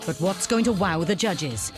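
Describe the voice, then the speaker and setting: A woman's voice: lowish voice, lively intonation, moderate pace. A woman reading scripted documentary narration in a wry, playful way. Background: background music.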